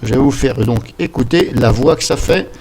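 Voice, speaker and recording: Rambling man giving a software tutorial. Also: mid-range voice, normal speed. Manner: rambling, informal explanations. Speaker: tutorial presenter.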